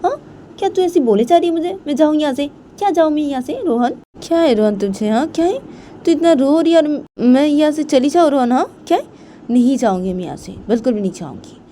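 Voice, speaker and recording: A woman voicing an insistent young woman friend who speaks high and emphatic, over vehicle noise. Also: animated, fast talker, creaky, hardly any pauses, dark tone. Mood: indignant.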